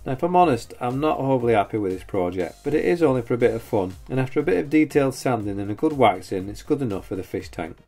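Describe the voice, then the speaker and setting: A woodworking channel host in his forties speaks a scripted voice-over in a mid-range, darkish voice with lively intonation, moving fast with few pauses. He's matter-of-fact and frankly self-critical about his work, and faint music plays behind him.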